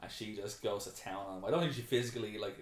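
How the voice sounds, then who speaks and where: A man in casual chat, eagerly pitching story ideas with halting restarts. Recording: roomy echo.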